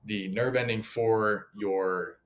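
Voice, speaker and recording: A young man co-hosts a relaxed conversation podcast, telling his stories with plenty of energy. His voice sits on the low side, and he jumps into the voices of the people he quotes. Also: slow. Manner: animated storyteller, acts out quotes. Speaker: podcast co-host. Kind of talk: casual chat.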